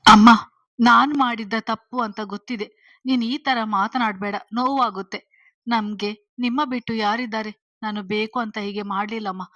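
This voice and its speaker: Young bride figure, pleading, apologetic, flat delivery, dry sound, read by a woman. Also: mid-range voice, normal speed, long pauses, no echo, lightly acted. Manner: begging, apologetic.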